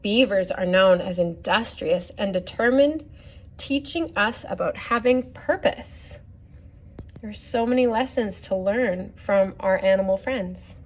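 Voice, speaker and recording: Reading a picture book aloud at a children's story time, a medium-pitched woman speaks a little slowly. She pauses for gentle teaching asides and questions to her young listeners.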